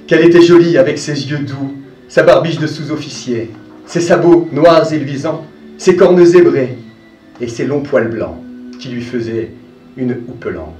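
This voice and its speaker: A man giving a live dramatic reading of a classic tale, expressive and speaking straight to his listener, dropping to hushed asides. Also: a little slow. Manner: expressive, addresses the listener directly, sinks to hushed low asides. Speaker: storyteller. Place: live performance room. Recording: roomy distant live recording, faint music.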